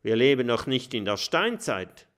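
A man's voice: medium pitch, very animated, moderate pace, a bit bright. A man voicing an indignant, snub-nosed male Viking in a storybook reading.

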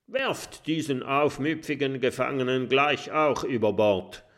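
A man voicing a gruff, scheming male pirate captain from a children's storybook, bellowing his commands. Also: fairly high pitch, sing-song, takes it slowly, a bit bright, pitched above the performer's own voice, full character voice. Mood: domineering.

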